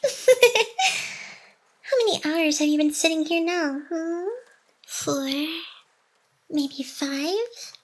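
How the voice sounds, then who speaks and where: A woman voices a playful, high-pitched female AI hacker girl in a scripted, intimate one-sided ASMR drama; the character teases but is secretly smitten and protective. Her heavily acted delivery is very slow, with frequent pauses and a dry, smug tease. She sighs, acts mock-aloof, and speaks straight to the listener, with slight background noise.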